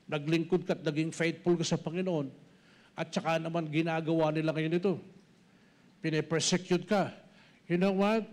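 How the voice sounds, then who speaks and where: A middle-aged man with a Filipino accent preaching a sermon, mixing Tagalog and English and calling his listeners brothers and sisters. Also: high-pitched. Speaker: pastor.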